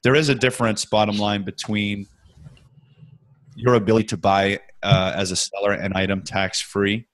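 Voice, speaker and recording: A man answering questions as a guest expert over a remote conference call line that keeps breaking up, explaining steadily with frequent pauses and "um"s. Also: on the low side, level tone, fairly bright tone. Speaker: sales tax software guest expert.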